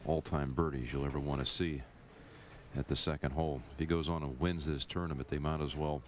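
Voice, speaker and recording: A man anchoring live golf commentary on television, with measured, storytelling phrasing. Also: very deep voice, fairly even intonation. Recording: VHS broadcast with crowd and noise.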